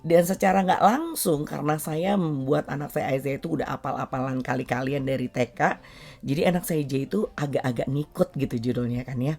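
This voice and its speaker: A woman's voice: low voice, a little fast, a little mellow. A middle-aged woman from Indonesia hosting a casual family talk video, chatty and dropping in English words between frequent fillers. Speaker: parenting vlog host.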